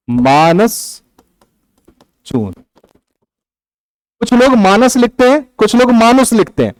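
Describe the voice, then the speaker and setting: A young man teaches a class, patient and methodical, counting out syllables one by one as he explains. His voice sits high for a man. The sound is dry and close, with little room echo. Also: darkish tone. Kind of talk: classroom lecture on Hindi prosody.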